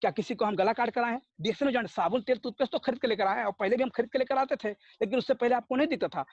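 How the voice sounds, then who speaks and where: High-pitched guy pitching network marketing, lots of rhetorical questions, dull dry lo-fi sound. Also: racing, dry recording. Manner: storytelling, rhetorical questions, acts out dialogues. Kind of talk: motivational meeting talk.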